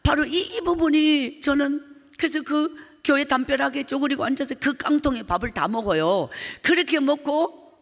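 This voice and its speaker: This preacher speaks at a moderate pace in a high voice, and the recording carries the long reverb of a church hall. She is an evangelist sharing her own testimony with strong emotion, bringing the tale to life and performing each character's voice inside the sanctuary.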